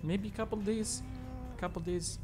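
Chatty non-native streamer with halting English. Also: male voice, sits high. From Tunisia. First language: not English. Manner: halting, filler-heavy, reads chat aloud and thanks subscribers. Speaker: livestream host. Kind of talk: casual livestream chat while sim racing. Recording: loud game music behind voice.

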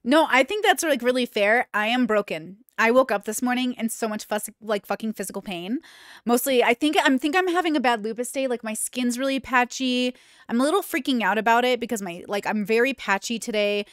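A woman's voice: a little high, fairly quick, no room sound, clean studio sound. A woman in her thirties hosting a podcast, reacting candidly and emphatically to clips in casual commentary from a small home room on a desk microphone. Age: 30s. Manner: chatty, candid, emphatic asides. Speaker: podcast host. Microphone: desk mic on boom arm with earbuds.

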